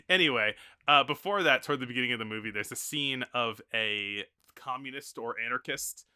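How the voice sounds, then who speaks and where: Bright-voiced man chatting about films. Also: mid-range voice, normal speed, clean tone. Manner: rambling, many restarts and fillers, laughs often. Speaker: podcast co-host. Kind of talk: casual film discussion.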